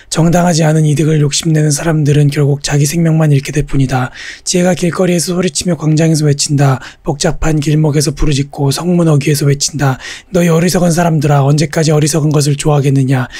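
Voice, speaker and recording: A man reading Bible passages aloud in a steady, scripted recitation. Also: a little high, breathy edge, dry recording. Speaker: Bible reader.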